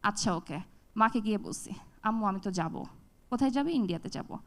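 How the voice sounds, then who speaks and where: A young woman from Bangladesh giving a talk on stage, telling a personal story with lively acted-out dialogue. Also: mid-range voice, brisk, creaky. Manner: animated, acts out dialogue with shifts in voice. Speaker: TEDx speaker.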